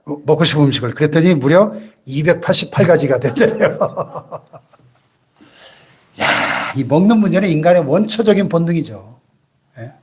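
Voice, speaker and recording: High-voiced pastor preaching a sermon. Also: male voice, lively intonation, moderate pace, a little mellow. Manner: prompts the congregation with rhetorical questions. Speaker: senior pastor.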